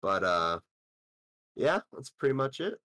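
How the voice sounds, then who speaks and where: A man driver giving a relaxed, halting post-race interview. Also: mid-range voice, no echo. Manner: relaxed, halting, plain-spoken. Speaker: sim racing driver interviewed after a race.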